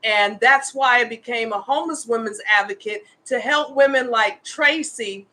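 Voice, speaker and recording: In a casual livestream, the host, a fifties-aged woman who champions homeless women, talks with earnest and impassioned belief. She speaks at a moderate pace in a slightly high voice that sounds pushed and bright.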